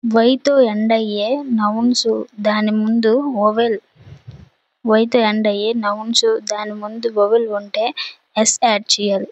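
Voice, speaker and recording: A woman's voice: mid-range voice, flat delivery, moderate pace, no room sound, dull audio. A woman with a Telugu accent explaining an English grammar lesson, going step by step through examples.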